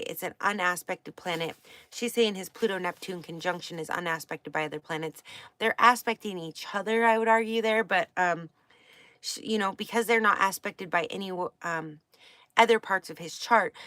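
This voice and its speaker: A woman's voice: lowish voice, a bit bright, no room sound. A woman with a slight Pacific Northwest accent, giving a casual astrology lesson, reading from a book and commenting in a meandering way with fillers and self-corrections. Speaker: astrology teacher.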